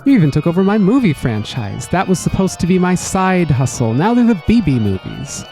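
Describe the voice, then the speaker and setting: A man's voice: high voice, big pitch swings, fairly quick, mellow, soft background music. A man voicing a pompous, menacing theater director from a video game in an overacted, theatrical death-scene manner. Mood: accusing, grandiose. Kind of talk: video game read-aloud acting.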